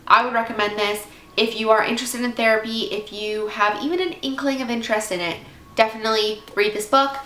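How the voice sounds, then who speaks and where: This twentysomething book vlogger, nursing a congested cold, rambles casually on camera about books with lots of side comments. Her voice is on the high side, a bit bright and brisk, with fairly even intonation. She records at home in an echoey room where faint noise can be heard.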